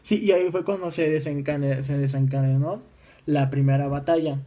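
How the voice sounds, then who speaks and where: A young man from Mexico giving an informal history talk, halting with many restarts and fillers. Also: a little high, fairly even intonation, warm tone. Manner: acts out voices in dialogue.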